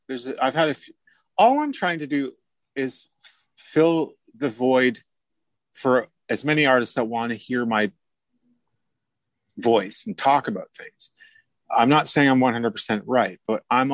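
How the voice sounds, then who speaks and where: A man's voice: medium pitch, no room sound. A man, a music producer and mentor, talking in a casual interview, rambling and correcting himself as he goes and laughing easily.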